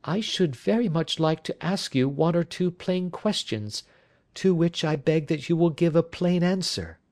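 A man's voice: on the high side, expressive, unhurried, darkish tone, pitched above the performer's own voice. A man voicing an anxious, earnest married woman in an audiobook, speaking politely and directly. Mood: earnest, insistent. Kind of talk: audiobook character voice.

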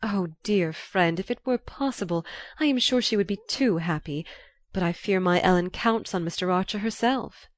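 A woman narrates an audiobook as a gushing, theatrical older marchioness, sighing and drawing out her words in a confiding way. Her pitch is medium and the acting is light, with no echo on the recording.

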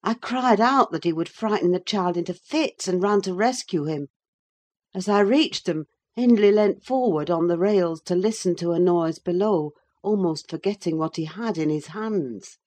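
A woman narrating a classic novel in the first person with a measured, expressive reading. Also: on the low side. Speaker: audiobook narrator.

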